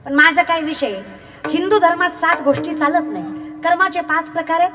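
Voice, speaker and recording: A woman's voice: very high-pitched, normal speed, pushed and bright. A young woman, preaching a devotional kirtan sermon with comic asides, teasing and mimicking villagers. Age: young adult. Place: large outdoor ground. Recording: long echo from outdoor PA.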